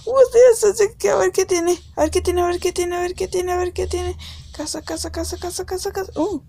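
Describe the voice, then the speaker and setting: A woman's voice: mid-range voice, lively intonation, takes it slowly, darkish tone. A woman playing a lost wanderer girl in a game skit, who squeals and repeats her words over and over. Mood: shrieking excitement. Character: lost, bored wanderer girl who turns giddy and shrieking.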